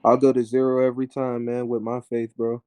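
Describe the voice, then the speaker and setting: A man, a rapper being interviewed, telling his story in animated casual talk, full of filler words. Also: medium pitch, brisk, clean tone, no echo.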